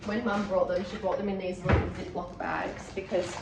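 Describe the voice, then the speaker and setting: Young Australian woman vlogger, sick, gravelly and lowish, rambling casual talk, noisy room. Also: level tone, moderate pace. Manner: rambling, with many fillers. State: sick, losing her voice. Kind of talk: casual chat. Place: home kitchen. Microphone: wireless clip-on mic. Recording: noisy home recording.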